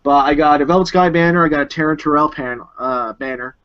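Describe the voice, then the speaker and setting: A man's voice: a little high, fast talker. Laid-back man on a lo-fi podcast. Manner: laid-back, laughs often, fillers and restarts. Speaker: podcast co-host. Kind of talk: casual chat. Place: room at home. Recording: dull lo-fi home recording.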